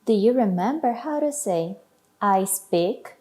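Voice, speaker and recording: A woman with a Brazilian accent teaching a language lesson, repeating each word slowly and carefully for learners. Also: medium pitch, lively intonation, roomy sound, noisy background. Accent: Brazilian Portuguese. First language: Portuguese. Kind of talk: slow, clear language lesson.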